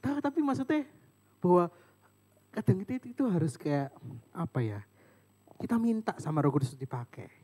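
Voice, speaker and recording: A man's voice: sits high, a little fast, long pauses, breathy edge. A young man telling a funny personal story in a casual sermon, joking with his listeners and acting out family members' voices. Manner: animated, joking with the audience, mimics family voices. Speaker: preacher. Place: church service room.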